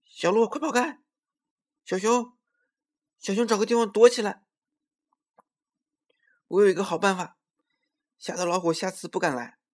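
Guy doing a high squeaky little squirrel, storybook style, loud and bright. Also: moderate pace, long pauses, close to an everyday voice. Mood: urgent. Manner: squeaky, pleading then bold. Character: clever brave little squirrel.

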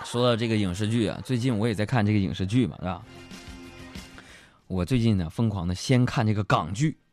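A man, a radio host telling comic stories in a lively way with asides to his listeners. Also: fairly low pitch, soft background music. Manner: lively storytelling with quick jokes and asides to listeners. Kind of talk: comic monologue.

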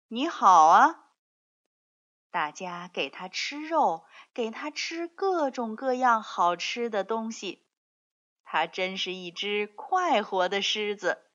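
A woman reading a children's picture book aloud, telling the story slowly and expressively. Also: mid-range voice. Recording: dull lo-fi recording.

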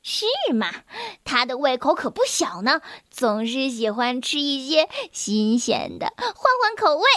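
A cheeky young girl from a children's storybook, voiced by a woman. She talks in a sassy, mocking way, high and lively. The sound is dry and close. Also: a little slow, hardly any pauses, no room sound, heavily acted.

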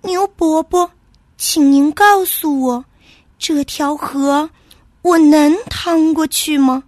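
A woman doing a high little pony. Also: slow pace, a little mellow, no room sound, clean studio sound. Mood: eager. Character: eager young male pony, timid and unsure.

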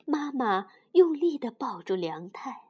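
A woman reading a bedtime story to a child in a soft, hushed, gentle voice. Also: fairly high pitch, sing-song, measured pace, slightly rough.

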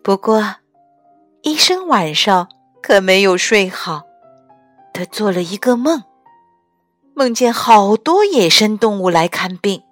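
A woman reading a picture book aloud to a child, taking it slowly and letting her voice swing up and down. The sound is dry and close, with soft music far underneath. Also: mid-range voice, dry recording. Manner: slow and expressive, acting out every character.

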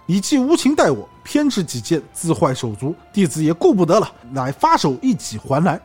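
Man reading a grieving young prince, pleading and defiant, a bit husky. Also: fairly high pitch, wildly swooping pitch, moderate pace, darkish tone, soft background music, exaggerated voice. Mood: angry.

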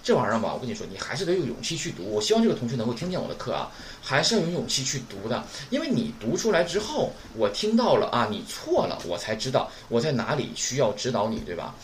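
A man teaching a recorded Japanese lesson. He keeps asking rhetorical questions and models pronunciation slowly and clearly. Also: medium pitch, big pitch swings. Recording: roomy with faint background noise.

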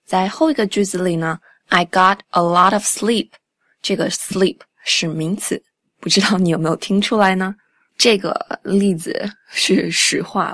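A young woman hosting a podcast English lesson in a chatty way, repeating English phrases slowly and clearly. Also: on the low side, a bit bright, no room sound. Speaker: English teacher and podcast host.

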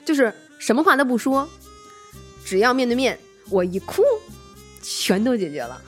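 A young woman talks casually on a podcast and tells her stories with lively animation, laughing often. Her voice sits a little high. Faint music plays underneath. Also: a little slow. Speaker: podcast co-host. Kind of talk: casual chat.

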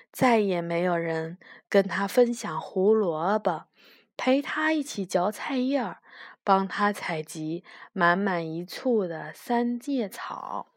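A woman reading a children's picture book aloud with gentle, expressive narration. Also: medium pitch, no room sound, clean studio sound. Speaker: children's storyteller.

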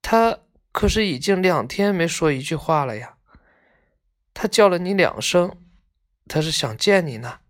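A man's voice: medium pitch, big pitch swings, measured pace, long pauses, voice pushed down. A man voicing a grieving, humble old stonemason while reading a children's story aloud. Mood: urgent.

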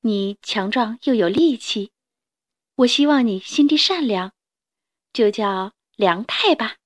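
A woman reading a storybook and voicing a gentle, loving mother dinosaur who speaks tender and soft. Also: a little high, lively intonation, slow pace.

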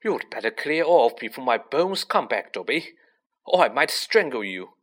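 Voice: medium pitch, very animated, moderate pace. A storybook reader voicing a young schoolboy hero, indignant and suspicious, with a blunt, accusing way of talking. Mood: angry.

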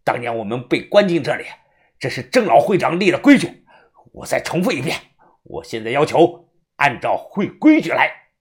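A man voicing a fierce, hot-headed middle-aged man with a raspy voice. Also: on the high side, big pitch swings, normal speed.

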